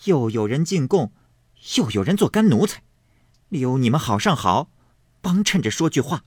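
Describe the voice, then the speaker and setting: A man voicing a quarrelsome young maid who scolds and sneers in sharp bursts. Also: mid-range voice, very animated, moderate pace, husky, dry recording, clean studio sound, voice pushed up. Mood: scornful.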